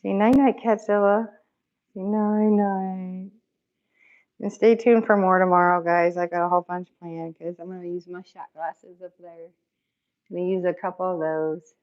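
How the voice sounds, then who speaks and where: Woman, low voice, casual chatty crafter, phone mic, slightly muffled lo-fi audio. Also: steady tone, normal speed. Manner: chatty, with loose fillers. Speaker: crafter showing her resin work. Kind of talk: casual chat to camera. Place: at home.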